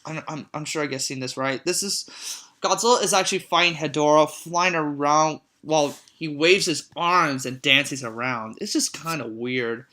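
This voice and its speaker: A casual film recap from a reviewer with a bright, forceful voice at a mid pitch. The talk stumbles and restarts constantly and repeats words. It drifts into disbelieving, amused asides. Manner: rambling, halting, with many restarts and repeated words; easily amused, reacts with disgust and disbelief. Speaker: movie reviewer.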